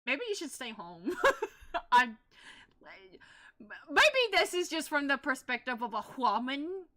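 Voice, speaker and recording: Bright-voiced giggly young woman streamer. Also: high-pitched, sing-song, slow pace. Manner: giggly, rambling, laughs often. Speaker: VTuber streamer. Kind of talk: casual chat while painting.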